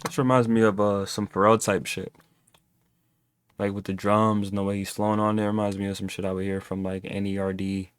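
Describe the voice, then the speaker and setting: A man's voice: fairly low pitch, flat delivery, brisk, smooth, dry recording. A young man hosting a music reaction video, talking loosely and thinking aloud with lots of fillers. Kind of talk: casual album reaction commentary.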